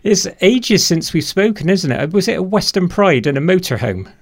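Man, interviewer, informal chatty style, higher-than-average voice, strong vocal fry. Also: expressive, normal speed. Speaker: radio interviewer. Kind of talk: casual chat interview.

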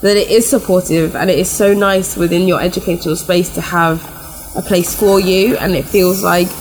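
A woman's voice: on the low side, steady tone, normal speed, a little hiss or hum, rough recording. A woman as a guest in a radio interview, talking hesitantly with many ums. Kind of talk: interview conversation.

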